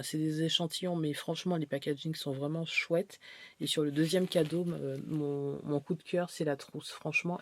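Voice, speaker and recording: A woman's voice: low voice, a little mellow, slight background noise. A woman beauty vlogger chatting through a haul video, rambling and hesitant as she shows items one by one.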